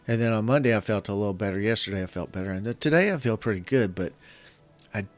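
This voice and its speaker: Faint game music accompanies a gaming channel host whose fairly low voice is slightly scratchy from illness and yelling. While playing a strategy game, he chats casually and thinks out loud, stumbling, self-correcting, and restarting partway through sentences.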